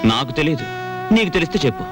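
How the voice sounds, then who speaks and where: An actor playing an excitable young man who talks in a lively, teasing way. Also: on the high side, very fast. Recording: film soundtrack with music behind.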